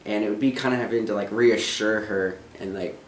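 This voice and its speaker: A young man tells home stories in an easygoing way, acting out lines as he goes. His voice sits fairly low. The recording is roomy, with a faint hum in the background. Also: steady tone, brisk. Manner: easygoing, acts out quotes. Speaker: husband and co-host. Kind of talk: casual storytelling chat.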